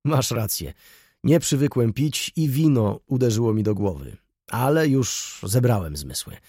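A man's voice: mid-range voice, animated, unhurried, warm tone, husky, dry recording, clean studio sound. A man reading an audiobook, voicing a restless, brooding middle-aged merchant who speaks with passion. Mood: insistent.

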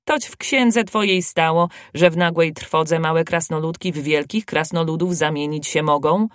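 A storyteller voicing a brisk, bossy gnome who speaks gruffly in a lowered voice. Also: no room sound, clean studio sound, natural voice. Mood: urgent. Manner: gruff, commanding, low.

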